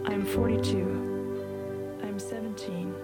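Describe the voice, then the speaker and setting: A woman reading a narrative piece aloud and introducing the program in a measured, deliberate way. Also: mid-range voice, steady tone. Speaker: podcast host and reader. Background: music underneath.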